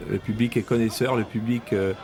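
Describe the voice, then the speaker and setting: A man giving live combat sports commentary in measured, admiring phrases. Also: on the low side, steady tone, music in the background. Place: ringside in a packed arena. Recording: loud arena crowd and noise behind.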